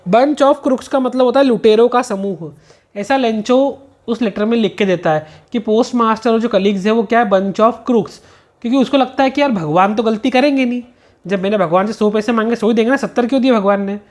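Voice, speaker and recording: A man teaching a revision lesson, reading English lines slowly and then explaining them quickly in Hindi. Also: extremely high pitch, darkish tone.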